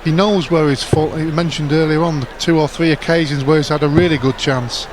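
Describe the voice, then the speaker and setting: A male darts co-commentator with a fairly high voice. He talks conversationally and explains as he goes, with clear arena noise in the background. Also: steady tone, a little fast. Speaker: sports co-commentator. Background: noisy darts arena.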